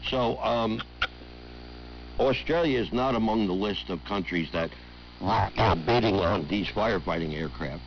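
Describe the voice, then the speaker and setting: A man hosting a live call-in talk radio show in a smooth radio host manner, assertive and quick to argue back at callers. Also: on the low side, slight background noise. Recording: dull lo-fi radio broadcast.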